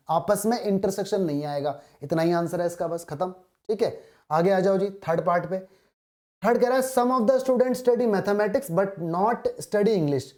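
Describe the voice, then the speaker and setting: Mellow-voiced woman teaching maths. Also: mid-range voice. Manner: asks questions and answers them herself; repeats key points, reads English text slowly. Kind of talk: classroom maths lesson in Hindi.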